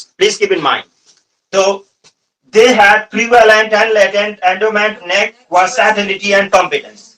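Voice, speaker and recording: A man's voice: high voice, pushed and bright. A man in his thirties with a Hindi accent, teaching English vocabulary in a classroom, firing questions and repeating answers to his students. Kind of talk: classroom lecture. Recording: recorded from a distance.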